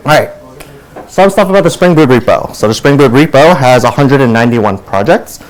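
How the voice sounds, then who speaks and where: Man giving a rushed, informal lightning talk. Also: animated, poor audio. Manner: rushed, keeping it high level; colloquial, checks in with "right?". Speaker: tech lead presenting at a meetup.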